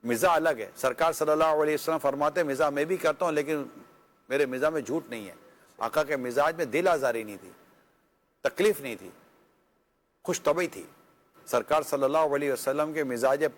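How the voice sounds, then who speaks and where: Man, Pakistani Urdu accent, religious scholar, earnest advice talk, somewhat high voice. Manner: earnest, conversational, with pious formulas and rhetorical questions. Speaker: religious scholar answering questions.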